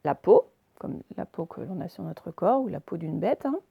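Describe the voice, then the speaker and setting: A woman teacher giving a recorded phonics lesson for young children, saying words slowly and over-articulating them, with repetitions and fillers. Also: fairly low pitch, expressive, gravelly, breathy edge, lo-fi sound. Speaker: primary school teacher.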